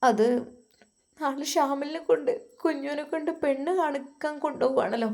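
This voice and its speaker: A woman voicing a soft, tearful young wife. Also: sits high, moderate pace, voice pushed up. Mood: worried. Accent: Malappuram Malayalam. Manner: soft, pleading, hesitant. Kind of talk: storytelling voice acting.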